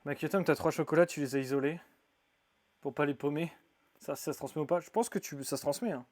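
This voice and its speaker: A man's voice: on the high side, quick pace, a little mellow. A man on a live stream reading out viewers' comments and chatting back casually. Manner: chatty, reading comments aloud and answering them.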